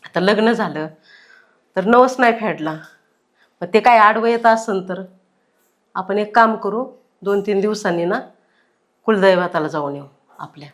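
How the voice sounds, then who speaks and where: A woman's voice: mid-range voice, measured pace, pauses often, fairly bright tone, close to an everyday voice. An actress playing a domineering older mother-in-law who gives orders and will not be argued with. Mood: commanding. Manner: bossy, insistent.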